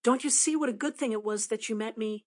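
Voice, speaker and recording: A woman voicing a kind, impulsive wealthy young lady who speaks eagerly and comfortingly, a little briskly, in a storybook reading. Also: fairly high pitch, natural voice. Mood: soothing.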